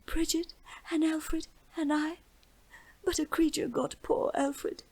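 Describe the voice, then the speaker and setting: A terrified little peasant girl, crying and whispering high and breathy between sobs. Her voice sits far above the narrator's usual deep tone, with an airy, hushed edge. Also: level tone, slow. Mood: frightened sobbing.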